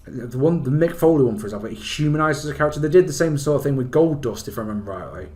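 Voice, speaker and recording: A man's voice: fairly high pitch, expressive, quick pace, darkish tone. A man co-hosting a casual wrestling podcast over an online call, talking in an emphatic, enthusiastic way with plenty of swearing. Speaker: podcast co-host and former wrestling performer.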